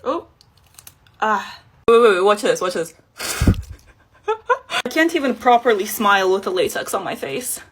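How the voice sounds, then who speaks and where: A woman makeup vlogger chatting casually and playfully, with excited exclamations. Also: mid-range voice, measured pace, long pauses, noisy background. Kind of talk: casual chat.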